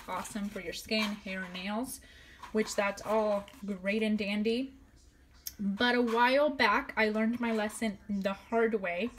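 A woman's voice: medium pitch, slight background noise. A woman in her thirties chatting casually in a shopping haul video, rambling with many fillers. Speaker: vlogger. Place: indoors at home, counter of products.

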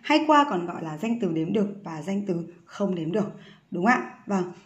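A woman's voice: fairly low pitch, expressive, moderate pace, echoey room, lo-fi sound. A woman English teacher going through an exercise, patiently asking many rhetorical questions.

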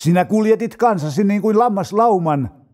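Solemn man reading scripture, lively pitch. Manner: slow solemn reading with drawn-out phrases. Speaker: scripture reader. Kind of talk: reading psalms aloud.

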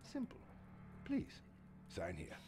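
A man's voice: low voice, wildly swooping pitch, slow, noisy background, heavily acted. A man playing a sly devil in a video game, grandiose and mocking, with a salesman's patter. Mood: smooth, persuasive. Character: sly, theatrical male devil striking deals. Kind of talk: video game character acting.

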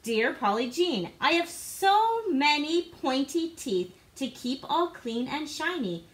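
A guest co-reader reads rhyming storybook lines to young children slowly, her high-pitched voice very animated. Her delivery is playful and theatrical. She is in a living room, recorded on a device camera a short distance away.

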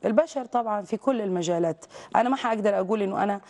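A woman from Saudi Arabia speaks very fast, pressing her points hard in a televised interview. Her voice is mellow and dark in tone, and she talks with emphatic conviction. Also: mid-range voice. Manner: outspoken, rapid and emphatic. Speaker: guest, visual artist. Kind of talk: TV interview conversation.

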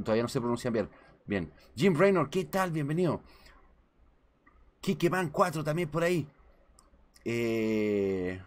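A man streaming live gameplay, talking excitedly to himself and greeting his chat. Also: medium pitch.

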